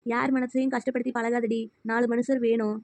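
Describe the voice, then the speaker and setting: A woman playing a gently scolding mother. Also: on the high side, little pitch movement, fairly quick, dry recording, natural voice. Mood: reproachful. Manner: gentle, reproachful. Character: caring mother gently scolding her daughter.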